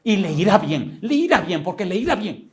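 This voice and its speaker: A man's voice: high-pitched, big pitch swings, fairly quick, darkish tone, voice pushed up. A man putting on a trembling, frantic rich old man. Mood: frantic, insistent. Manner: urgent, insistent repetition.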